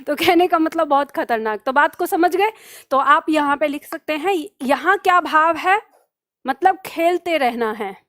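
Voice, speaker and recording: Woman teacher, high pitch, patient exam-prep explainer, dry close recording. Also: a bit bright, dry recording. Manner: dictates notes slowly, asks and answers her own questions. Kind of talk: exam-prep grammar lesson.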